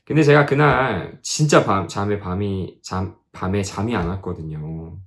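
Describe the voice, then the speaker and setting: A middle-aged missionary with a low-pitched voice speaks at a moderate pace to teenagers at a youth camp. He tells a personal story, acting out the quoted dialogue with rising emphasis.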